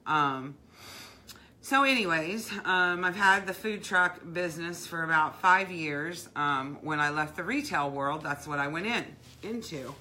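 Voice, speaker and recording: Low-voiced woman chatting on a craft livestream. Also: measured pace, sharp tone. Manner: heartfelt, rambling, many fillers and restarts. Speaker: craft business owner, livestream host. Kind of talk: casual live-stream chat.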